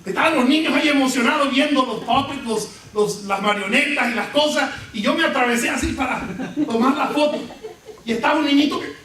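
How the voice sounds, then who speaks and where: High-voiced Venezuelan preacher, echoey church. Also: male voice, brisk, a little hiss or hum. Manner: animated preaching with humorous anecdotes. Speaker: pastor. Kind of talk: sermon. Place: church sanctuary. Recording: echoey church hall from far off.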